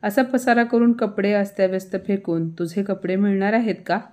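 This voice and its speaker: A woman's voice: mid-range voice, fairly even intonation, moderate pace, darkish tone, lightly acted. A woman voicing a proud older mother-in-law who scolds sharply in a family story. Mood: scolding.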